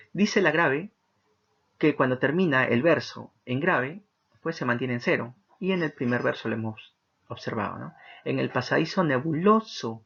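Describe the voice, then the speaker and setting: A man gives a patient literature lesson with a gravelly, creaky edge to his mid-pitched voice. He counts syllables out slowly and keeps checking that his students follow. The audio is a little dull and lo-fi. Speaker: teacher.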